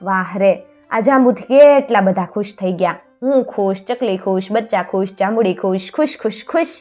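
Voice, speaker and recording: A woman's voice: medium pitch, normal speed, warm tone, faint music behind, natural voice. A woman voicing a kind-hearted little boy in a storybook tale, eager and cheerful. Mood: delighted.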